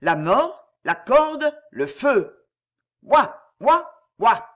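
A woman's voice: a little high, big pitch swings, a little slow. Woman doing a fawning barking court minister. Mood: ranting. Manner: pompous, breathless, yelping barks. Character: fawning male court minister, barks like a dog.

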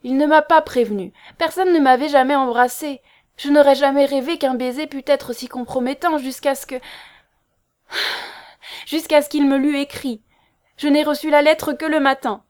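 A woman's voice: mid-range voice, unhurried, long pauses, darkish tone. A woman voicing a naive young woman who speaks hesitantly and pleads through sobs in a storybook reading. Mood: sobbing.

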